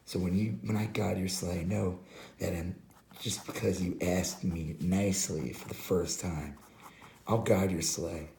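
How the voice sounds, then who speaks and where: A hoarse man voicing a young male reindeer who stands up to his boss, close to his own low voice. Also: fairly even intonation, measured pace, mellow, reverberant, a little hiss or hum. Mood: defiant. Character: young male reindeer, fed up but proud.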